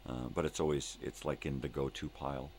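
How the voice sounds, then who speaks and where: A man's voice: rumbling low, level tone, a little fast, a little hiss or hum. An older man hosting a live morning show with casual, rambling chat in laid-back hippie slang, drifting along and repeating himself.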